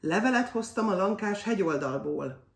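A woman's voice: mid-range voice, animated, creaky, recorded from a distance. A woman voicing a friendly postal pigeon in a storybook reading, announcing and reminding. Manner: announcing, warning. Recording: roomy echo.

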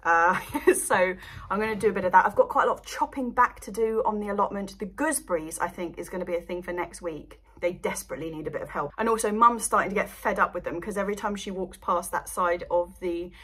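A young English allotment vlogger speaks quickly in a mid-range, fairly bright yet husky voice. Chatting to camera indoors near her seedling light box, she wanders through her allotment talk and laughs often.

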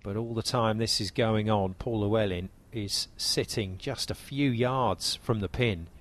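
A man's voice: fairly low pitch, a little slow. A man commentating on a golf tournament, summing up the state of play.

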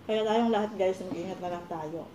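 A woman vlogger from the Philippines chats to her viewers with food in her mouth, her words muffled by chewing. Her voice is warm and mellow, and it carries in an echoey room with faint ambient noise behind. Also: fairly low pitch, normal speed. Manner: chatty, addresses viewers as guys. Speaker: mukbang vlogger. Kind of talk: casual chat to viewers while eating.

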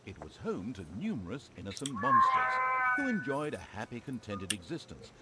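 An actor playing a grandiose, tongue-in-cheek storybook narrator in a fantasy game, in theatrical scripted narration. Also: male voice, medium pitch, wildly swooping pitch, moderate pace, heavy background noise. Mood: wry grandeur. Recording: loud game sound behind.

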